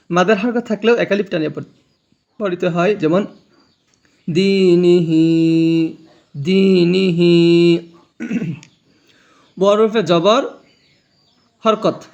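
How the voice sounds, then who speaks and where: A man teaching Quran reading, spelling out letters and vowel marks, then drawling each joined syllable for the listener to repeat. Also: sits high. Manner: repeats words for the listener to echo. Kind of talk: recorded reading lesson.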